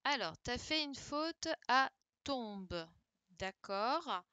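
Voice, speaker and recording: A woman teacher correcting a dictation live for her pupils, patient and encouraging, reading words out slowly. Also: fairly high pitch, lively intonation, sharp tone, clean tone, dry recording. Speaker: primary school teacher.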